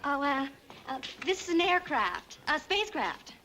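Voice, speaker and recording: A flustered, stammering store clerk. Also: female voice, sits high, very animated, sharp tone, a little hiss or hum, full character voice. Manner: nervous, stammering, halting. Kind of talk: 1960s sitcom acting.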